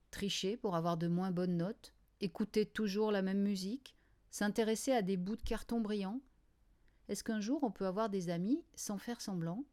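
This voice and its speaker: A woman narrating a children's novel in the first person, in a quiet, wry diary style. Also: medium pitch. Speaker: audiobook reader.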